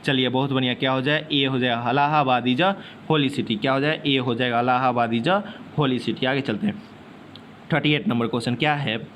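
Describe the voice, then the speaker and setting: Man teaching, urging quick answers. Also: mid-range voice, steady tone, fairly bright tone, a little hiss or hum. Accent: Bihari Hindi. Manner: quizzes students, urges quick answers, repeats questions; reads sentences slowly, word by word. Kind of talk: online exam-prep class.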